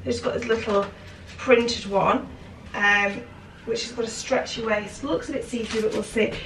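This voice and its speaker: A British fashion vlogger in her twenties, bunged up with a cold, chats upbeat and casual while unpacking shopping and a parcel in her home kitchen, thinking aloud. Her fairly high voice is steady at normal speed. A camera mic at a distance picks her up in the echoey kitchen amid loud noise.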